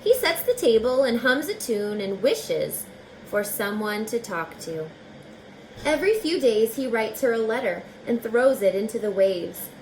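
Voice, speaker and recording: Sing-song and fairly high, a woman's voice reads a picture book to young children with expression, breaking off for chatty remarks to them. She speaks slowly and with deliberate phrasing. There's a little hiss or hum, and the audio is poor.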